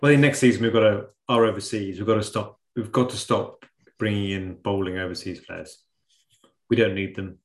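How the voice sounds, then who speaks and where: A man with a fairly low voice talks sport casually as a co-host, circling back to rework his phrases. The recording is noticeably roomy and echoing. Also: fairly even intonation, moderate pace. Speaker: podcast co-host.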